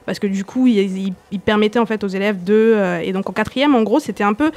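A young woman co-hosting a casual podcast, talking quickly with many fillers and restarts. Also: mid-range voice, darkish tone. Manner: quick, filler-heavy, lots of 'en fait' and 'du coup'. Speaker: podcast co-host.

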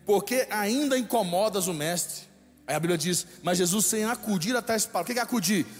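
A man's voice: high voice, lively intonation, a little fast. A man with a Brazilian Portuguese accent preaching a sermon as a bishop, emphatic and repeating lines for the congregation to echo. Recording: echoey hall with faint music.

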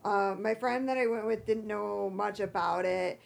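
An American woman talks in a casual, candid podcast style. Her voice is hoarse and croaky with allergies and heavy with creak. She pokes fun at herself and speaks saltily. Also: mid-range voice, moderate pace. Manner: self-deprecating, candid, salty. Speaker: podcast co-host. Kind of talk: casual chat.

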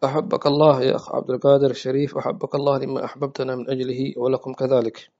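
Fast gravelly guy teaching on a live stream, flat pitch, kinda muffled lo-fi sound. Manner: gentle, repeats blessings and prayers rapidly. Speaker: religious teacher. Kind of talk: live-streamed lesson answering viewer comments.

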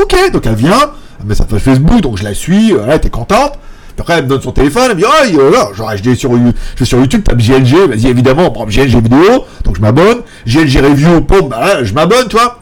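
Lively jokey French-speaking man rambling. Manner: rambling and jokey, laughs often, mimics others in a high voice. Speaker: tech YouTuber hosting a daily live. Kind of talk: casual live chat. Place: apartment in Thailand.

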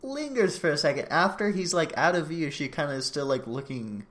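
A man's voice: on the high side, brisk. Guy on a chill podcast recapping a show, acting out what everyone said. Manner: animated retelling, acting out both sides of a conversation. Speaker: podcast co-host. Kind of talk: casual chat recapping a reality show.

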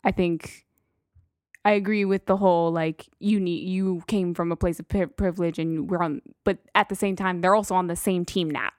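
A woman's voice: fairly low pitch, normal speed, dry recording, clean studio sound. A woman co-hosting a casual podcast chat, telling stories with lots of laughter and acted-out quotes. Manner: animated storyteller, laughs often, acts out quotes. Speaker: podcast co-host.

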